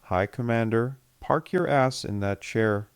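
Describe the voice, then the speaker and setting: A man's voice: medium pitch, measured pace, no room sound, lightly acted. A man reading the lines of a grizzled, intimidating retired guardsman who barks orders, in an audiobook. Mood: gruff. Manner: barking, gruff.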